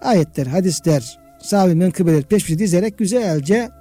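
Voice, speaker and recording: A man hosting a religious discussion speaks in a rather high but very dark, soft-edged voice. He explains things conversationally and repeats phrases for emphasis. Music plays behind him. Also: expressive, moderate pace.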